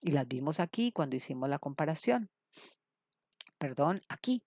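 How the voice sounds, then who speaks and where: A woman teacher with a fairly low voice explains grammar in a patient, questioning way. She slows to stress each example phrase, and the recording is dry and close with no room sound. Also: very animated, a little mellow, dry recording. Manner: switches into slow, emphatic English for model phrases. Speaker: English teacher. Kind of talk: recorded classroom lesson.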